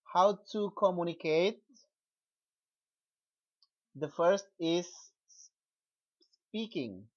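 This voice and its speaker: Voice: mid-range voice, muffled recording. A teacher giving an online class lecture, asking the class questions and answering them, with frequent false starts and repeated syllables. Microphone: video call.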